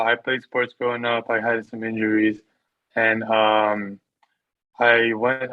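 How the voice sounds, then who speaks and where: A man's voice: lowish voice, no room sound. A young man from Las Vegas introduces himself in an easygoing way. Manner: easygoing, light laughs. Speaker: new student. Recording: dull lo-fi call audio.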